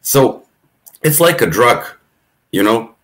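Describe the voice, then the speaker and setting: A man from Serbia with a Serbian accent, a podcast guest talking in a thoughtful, halting way and repeating words. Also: medium pitch, very animated, fairly bright tone. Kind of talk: casual conversation.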